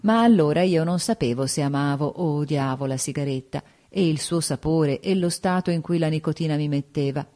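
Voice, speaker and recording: Woman reading a novel aloud, slow and steady, deep mellow voice. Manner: measured, unhurried storytelling. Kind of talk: literary audiobook narration.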